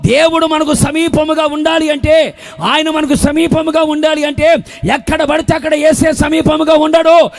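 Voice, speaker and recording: High-voiced man preaching, shouting emphasis. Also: level tone, moderate pace. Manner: preaching with rising shouted emphasis and sung phrases. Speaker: pastor. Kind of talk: sermon.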